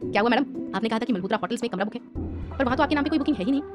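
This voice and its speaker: A woman voicing an excitable young woman friend who keeps asking astonished questions in a storybook reading. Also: on the high side, very fast, over music, lightly acted.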